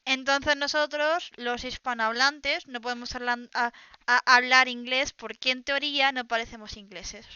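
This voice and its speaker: High bright Spanish-accented woman, animated. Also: fairly quick, clean tone, no echo, muffled recording. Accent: Spain Spanish. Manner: animated, laughs often, exclaims. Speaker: VTuber reacting to clips. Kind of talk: casual reaction commentary.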